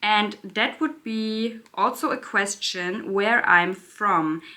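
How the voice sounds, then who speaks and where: Bright-voiced German woman chatting casually. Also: mid-range voice, slow. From Berlin, Germany. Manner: chatty, searches for words, laughs lightly. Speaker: beauty vlogger. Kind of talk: casual Q&A while doing makeup.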